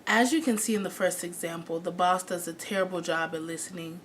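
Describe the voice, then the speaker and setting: A woman's voice: lowish voice, steady tone, fairly quick. A woman giving an explanatory presentation, as a student presenter would. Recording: faint background noise.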